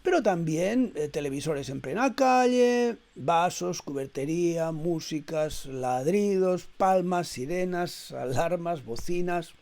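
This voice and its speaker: A middle-aged man delivering a reflective spoken essay in a measured, hesitant way, with frequent "eh" fillers and repeated words. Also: a little high, a little mellow. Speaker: essayist reading his own text.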